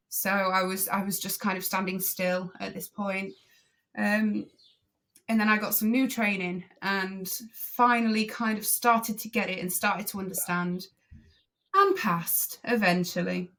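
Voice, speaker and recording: A woman guest on a podcast, a driving instructor trainer, telling her story in a casual, animated way and acting out what people said. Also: medium pitch. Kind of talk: casual interview chat.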